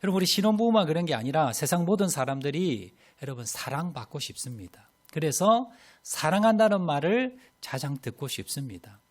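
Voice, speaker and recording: A man's voice: on the high side, a little fast. A man as pastor, preaching a Sunday sermon in a church and leading the congregation in readings and greetings. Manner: leads congregation in readings and greetings, lively storytelling. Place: church sanctuary.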